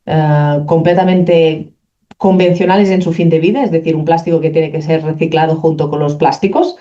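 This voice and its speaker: A speaker giving a technical presentation for a company, explaining carefully while often pausing to search for words. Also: mid-range voice, steady tone, warm tone. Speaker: company representative presenting a product. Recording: dull lo-fi recording.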